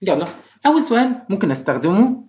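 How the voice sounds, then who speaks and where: A man with an Egyptian Arabic accent teaching an English lesson, stretching words out slowly for the class to repeat. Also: high voice, very animated, darkish tone. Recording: roomy, dull lo-fi recording.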